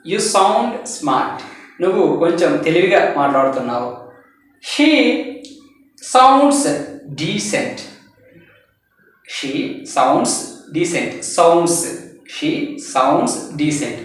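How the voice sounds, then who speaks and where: A man with a Telugu accent teaching spoken English, saying example sentences slowly and repeating them for drilling, then explaining in Telugu. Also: on the high side, a bit bright. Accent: Indian English, Telugu. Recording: echoey room, far from the mic.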